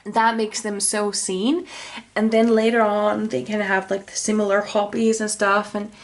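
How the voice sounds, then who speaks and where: Speaking to camera with a Finnish accent, this native Finnish-speaking woman gives an informal tarot reading in a medium-pitched, flat voice at a measured pace. She wanders off track, fixes her own words, and apologizes repeatedly.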